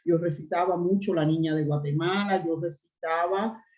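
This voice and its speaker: A middle-aged Cuban woman with a strong, resonant voice, telling stories in a lively conversational interview. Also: fairly low pitch, normal speed. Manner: animated storyteller, lively asides. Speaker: actress, interview guest. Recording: roomy, slightly dull recording.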